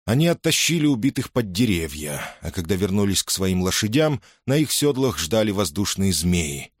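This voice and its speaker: A man narrating an audiobook in a measured, even storytelling manner. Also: deep voice, no echo, studio quality. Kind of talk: scripted narration.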